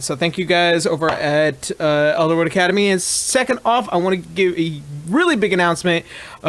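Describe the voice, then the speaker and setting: A man's voice: sits high, a bit bright, no room sound. A man running a tabletop game as dungeon master, chatting casually with many fillers and recapping the story. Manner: rambling, many fillers, laughs often. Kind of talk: casual chat and game narration.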